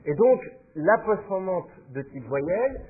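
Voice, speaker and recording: A man's voice: sits high, big pitch swings, unhurried, narrow, tinny audio. A man teaching a class, explaining patiently and thinking aloud with fillers as he goes. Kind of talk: classroom lecture.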